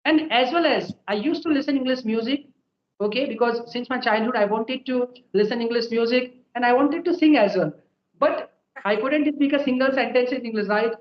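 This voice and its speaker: A young native Hindi speaker with an Indian accent talks at normal speed in a very high voice, offering conversational tips as a guest English learner. He lays things out step by step, tagging lines with "okay" and "right," in a muffled recording from an echoey room.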